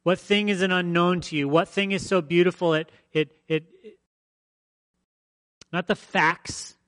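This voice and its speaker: Conversational preaching man, fairly high voice. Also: steady tone, measured pace, fairly bright tone, no room sound. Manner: conversational, emphatic preaching with repeated phrases. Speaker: pastor. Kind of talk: sermon.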